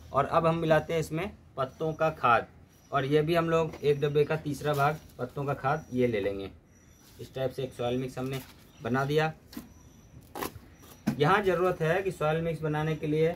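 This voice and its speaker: Man with a fairly high voice, explaining gardening. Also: a little hiss or hum. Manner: steady step-by-step explaining, mixing in English terms. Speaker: gardening instructor. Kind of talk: how-to gardening demonstration.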